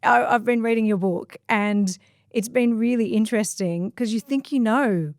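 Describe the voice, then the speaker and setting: A woman's voice: on the high side, normal speed, no room sound, clean studio sound. A woman hosting a podcast, asking her guest questions in an easygoing, chatty interview. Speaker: podcast host. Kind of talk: casual interview.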